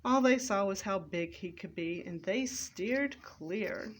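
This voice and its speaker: A woman expressively reads a children's story from a script as readers theater narration, stumbling over the text now and then. Her voice is medium in pitch and expressive, and she speaks slowly.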